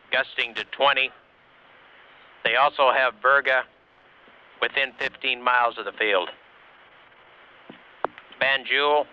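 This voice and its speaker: A capsule communicator reading a weather report over a mission control radio link, in clipped aviation phrasing. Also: male voice, medium pitch, clean tone. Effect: radio transmission from mission control. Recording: muffled radio loop audio.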